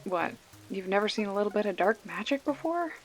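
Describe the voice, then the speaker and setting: In this ASMR roleplay, a woman voices a snarky young video store clerk on a one-sided phone call, foul-mouthed yet protective. Her mid-range voice is animated, a little fast, and close to how she'd normally talk. The mood is wry and bantering, casual with swearing throughout.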